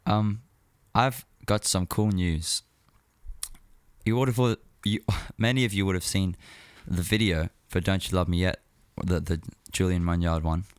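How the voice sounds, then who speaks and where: Deep-voiced man chatting casually about music. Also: steady tone, a little slow, clear, resonant tone, dry recording. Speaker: music show host.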